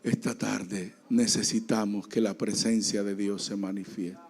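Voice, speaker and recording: A man preaching a dramatic sermon as a pastor, acting out the voices in the story and rising now and then to a shout. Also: fairly low pitch, level tone, a little slow, a little hiss or hum. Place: church.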